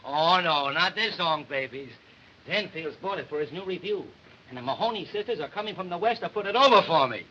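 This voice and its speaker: A man's voice: a little high, expressive, fairly quick, bright, forceful tone, a little hiss or hum. An American man playing a brash, eager young Broadway songwriter in an early talkie film, with a slangy, peppy showman delivery. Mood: teasing, proud. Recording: muffled 1929 film soundtrack, music behind.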